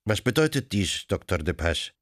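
A man's voice: low-pitched, sing-song, moderate pace, dry recording, clean studio sound. A man doing a coarse, officious church judge. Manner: coarse, common speech. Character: irritable petty-minded male church judge. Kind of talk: audiobook character voice.

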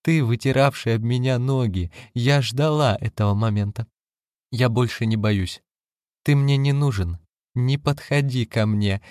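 A man reading an audiobook, voicing a furious, defiant young wife who shouts scornfully and rises into shrill cries. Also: unhurried, no room sound, clean studio sound, natural voice. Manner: shrill, scornful, rising to screams.

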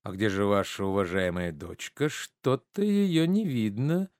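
A man's voice: on the low side, measured pace, darkish tone, no echo, clean studio sound, lightly acted. A man reading a stage play aloud, voicing a polished, ingratiating nobleman. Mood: courteous. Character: smooth-talking scheming nobleman.

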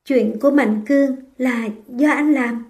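A woman voicing a gentle young woman, tipsy and tender, speaking softly. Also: high-pitched, unhurried.

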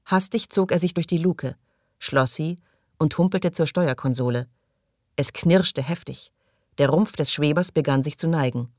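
A man narrating a science-fiction audiobook in a measured reading style, dropping quieter at tense moments. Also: on the high side, no echo, clean studio sound. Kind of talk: scripted narration.

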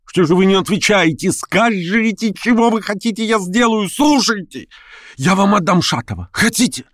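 A man voicing a frantic, feverish young male conspirator who pleads in a high, breathless rush. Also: animated, moderate pace, a bit bright, dry recording, clean studio sound. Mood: pleading. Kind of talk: audiobook character reading.

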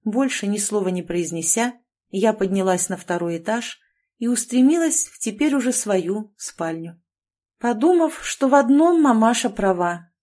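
A woman's voice: medium pitch, animated, normal speed, dark tone. Woman narrating an audiobook. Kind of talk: first-person scripted narration.

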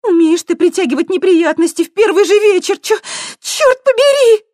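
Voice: mid-range voice, fairly even intonation, very slow, a little mellow, no room sound, studio quality, pitched above the performer's own voice. A narrator voicing a feisty young woman with a blunt, snappy, exasperated way of talking. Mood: panicked.

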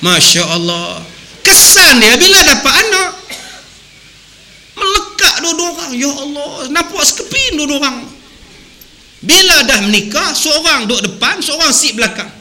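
A man delivers a humorous sermon, animated and playful, acting out little voices as he goes. His voice sits high and sounds very bright and forceful. A faint hiss runs under the recording. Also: normal speed. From Malaysia. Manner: animated, sings song snippets and acts out voices. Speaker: preacher.

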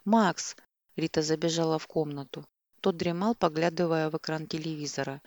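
A woman's voice: sits low, steady tone, brisk, gravelly, darkish tone, no room sound, clean studio sound. A woman reading a novel aloud as the narrator of an audiobook. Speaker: audiobook reader. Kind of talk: scripted narration.

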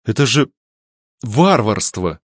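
A man reading an audiobook, voicing an anxious devout priest who speaks slowly and in a hush. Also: fairly low pitch, very animated, no echo, clean studio sound, exaggerated voice. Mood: worried. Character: anxious devout male priest, soft-spoken.

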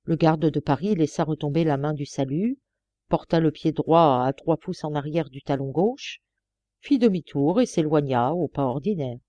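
Warm-voiced woman reading aloud. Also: low voice, no room sound, dull audio. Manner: measured, expressive reading. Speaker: audiobook reader. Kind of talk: scripted narration.

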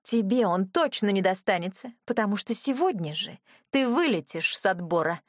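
A woman voicing a haughty, crazed young noblewoman villain who talks in a shrill, domineering, threatening way. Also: animated, moderate pace, dry recording, studio quality, natural voice. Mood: mocking.

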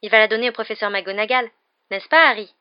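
A woman's voice: fast talker, clear, resonant tone, muffled recording, lightly acted. Hermione: a woman doing a bossy anxious schoolgirl. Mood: worried. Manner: high and insistent.

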